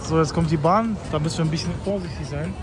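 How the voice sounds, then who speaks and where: A man's voice: fairly high pitch, fast talker, music in the background. A man in his thirties from Tajikistan, chatting casually to viewers as he walks through a city square and station at night, with the camera held at arm's length. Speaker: vlogger. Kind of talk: street walking vlog commentary. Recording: loud city street noise.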